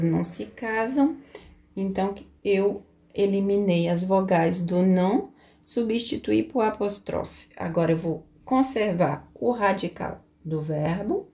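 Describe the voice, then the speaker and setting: A Portuguese-speaking woman gives a slow, unhurried lesson in French grammar, with a mellow, gravelly voice. She is patient and goes back over every point so it sinks in. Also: mid-range voice. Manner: patient, repeats each point carefully. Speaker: French teacher.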